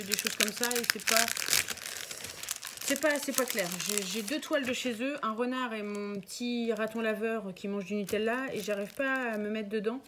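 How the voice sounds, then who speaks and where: A woman showing her craft purchases in a casual vlog, chatting and thinking aloud with frequent hesitations. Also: on the high side. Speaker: crafting vlogger. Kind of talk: casual show-and-tell vlog. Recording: noisy home recording with crinkling packaging.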